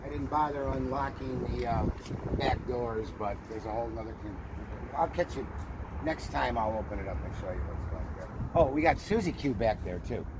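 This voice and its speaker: Loud outdoor vehicle noise surrounds an American man with a mid-pitched voice. He narrates a casual walk-around video in a folksy way, with joking asides, like a truck driver showing someone his working day. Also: normal speed. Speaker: truck driver filming a vlog. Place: outdoors in a parking lot by a truck.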